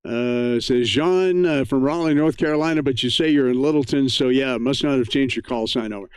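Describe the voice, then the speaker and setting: A man's voice: medium pitch, fairly quick, clean tone, no echo. An American man, middle-aged or older, hosting an amateur radio net in a chatty, folksy, casual way.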